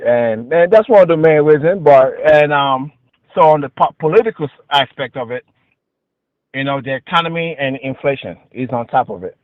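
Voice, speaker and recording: A man's voice: on the high side, dry recording. A thin, dry phone-line recording carries a man with a Queens New York accent. He is a caller debating politics in a casual, slangy way, stumbling and repeating his words as he goes. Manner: halting, repetitive, slangy filler phrases. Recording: tinny phone-like call audio.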